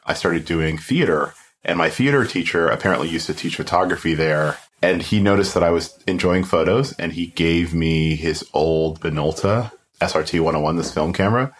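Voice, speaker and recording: Deep-voiced man, easygoing and rambling. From South Florida, US. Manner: relaxed, rambling, heavy use of "like". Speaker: guest photographer. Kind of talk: casual interview chat.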